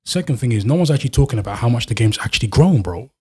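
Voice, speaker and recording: A man's voice: medium pitch, lively intonation, racing, dark tone. A man with a London accent chatting casually in roadman slang, often repeating phrases for emphasis on a podcast panel. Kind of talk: casual chat.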